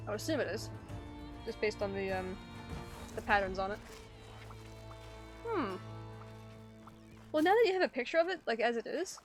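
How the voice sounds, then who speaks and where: A woman's voice: fairly high pitch, normal speed, long pauses. A woman hosting a gaming stream, chatting casually, laughing often and reading out chat. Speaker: streamer and host. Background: faint game music.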